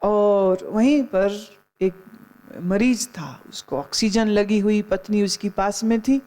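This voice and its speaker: A woman's voice: mid-range voice, steady tone, slow, mellow. A middle-aged woman spiritual teacher giving a discourse, telling stories and admonishing listeners, slipping in English phrases. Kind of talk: Gita discourse.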